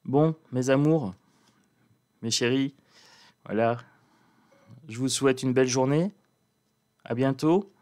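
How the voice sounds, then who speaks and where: A man with a calm, slightly sleepy morning voice, chatting easily and playfully to his viewers. His pitch sits in the ordinary middle range, and he takes his time, relaxed and friendly, as he shows a deck of cards. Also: slow, long pauses. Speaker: cartomancer presenting an oracle deck. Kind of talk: casual chat to viewers.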